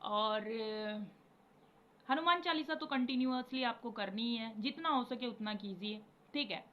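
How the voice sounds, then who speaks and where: A woman's voice: fairly high pitch, unhurried. A tired young woman talking casually and rambling to her viewers about devotion, mixing English words into her Hindi and chanting repeated syllables now and then. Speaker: spiritual vlogger. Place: home. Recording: dull lo-fi recording with faint background noise.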